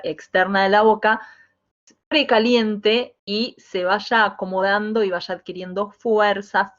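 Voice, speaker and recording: A woman with a Rioplatense Spanish accent, teaching a voice workshop as a coach, talking in a lively, demonstrative way with many fillers and restarts. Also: medium pitch, dull audio. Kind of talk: online workshop lesson. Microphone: video call.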